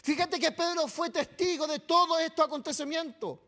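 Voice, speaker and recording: Chilean male pastor, very high voice, sermon, keeps checking in with the congregation. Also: normal speed, bright, forceful tone. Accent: Chilean Spanish. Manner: keeps adding "¿cierto?" and "amado" to address the congregation. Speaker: preacher. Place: church.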